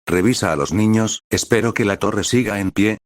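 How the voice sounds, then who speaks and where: A man's voice: fairly low pitch, moderate pace, dry recording, clean studio sound, lightly acted. A man reading the part of a hungover male courier who curses and scolds himself in a flustered way. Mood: frustrated. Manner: cursing, self-scolding, flustered.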